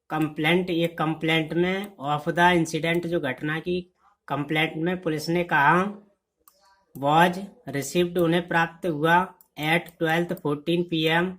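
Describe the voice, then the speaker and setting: A woman with a low, unhurried voice and an Indian English accent leads a newspaper reading lesson. She reads each English phrase slowly, then explains it in Hindi. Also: fairly bright tone. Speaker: English teacher.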